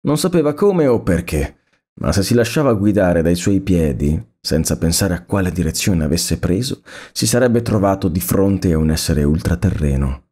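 A man reads a story aloud in a measured, expressive way. His voice is low and mellow. His pitch moves in lively arcs as he tells it. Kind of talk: scripted story narration.

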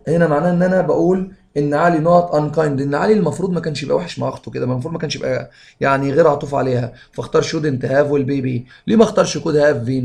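A man with an Egyptian Arabic accent, teaching English grammar and reading sentences slowly before explaining them quickly. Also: on the high side, vocal fry, a little mellow.

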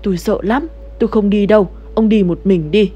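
A woman's voice: mid-range voice, brisk, mellow, husky, highs cut off, lightly acted. A woman voicing a frightened older village wife, agitated and pleading. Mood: fearful.

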